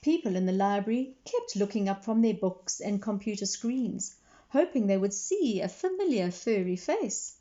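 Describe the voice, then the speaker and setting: A woman reading a children's story expressively, pausing to explain and put questions to young listeners. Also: mid-range voice, sing-song, mellow, highs cut off. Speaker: read-aloud storyteller for children.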